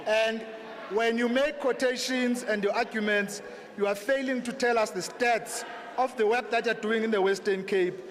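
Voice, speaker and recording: Someone holds a handheld microphone for a high-voiced South African man, the treasurer of a local political branch, as he speaks from the audience in a public debate. He delivers a halting political speech, repeating words and calling people comrades. The town hall meeting takes place in a large hall, and the PA recording is noisy and echoey.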